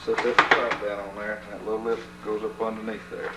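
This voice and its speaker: Man, low voice, hissy old camcorder audio, casual home-movie chatter. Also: completely flat delivery, fairly quick. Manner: plain, explains things step by step. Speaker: family member filming home movies. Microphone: built-in camcorder mic.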